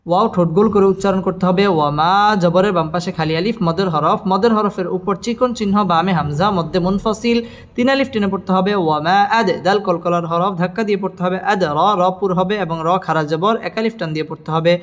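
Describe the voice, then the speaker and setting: Brief: Bangladeshi-accented male tajweed teacher, high voice, slow letter-by-letter recitation, long reverb. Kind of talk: Quran tajweed lesson, spelling letters and reciting. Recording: long reverb and faint music.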